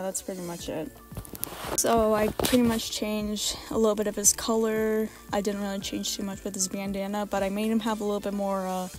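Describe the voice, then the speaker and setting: A woman with a raspy voice giving a casual, informal vlog voice-over about her art, rambling and hesitant as she goes. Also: medium pitch, a little mellow. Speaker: artist presenting original character redesigns.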